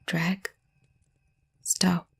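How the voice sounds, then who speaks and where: A woman narrating a scary story in a hushed voice, often dropping to a whisper. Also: very slow. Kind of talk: scripted horror story narration.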